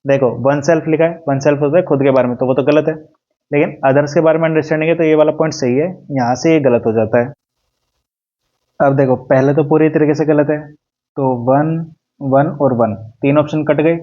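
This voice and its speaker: A man teaching exam preparation, reading English questions slowly and explaining each answer step by step. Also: on the high side, steady tone, highs cut off. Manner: reads English questions slowly, explains in Hindi with "ठीक है" and "देखो".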